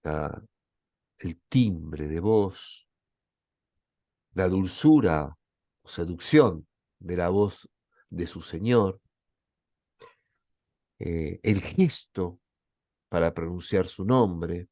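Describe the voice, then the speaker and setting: A man's voice: deep voice, animated, very slow, pauses often, warm tone, no room sound, clean studio sound. A man with an Argentine accent giving a reflective Bible lecture as a professor, often checking in with his listeners. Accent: Argentine Spanish.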